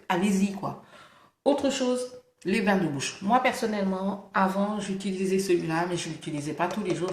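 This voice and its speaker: A woman's voice: on the low side, darkish tone. A woman with a lisp that makes her s slushy, chatting casually and emphatically to camera with English interjections. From Senegal. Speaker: beauty vlogger. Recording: roomy, echoing indoor sound.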